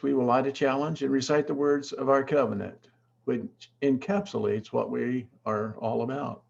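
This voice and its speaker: A man's voice: mid-range voice, gravelly, dark tone, dull audio. A man serving as worship associate, giving a formal, earnest, scripted welcome to a service.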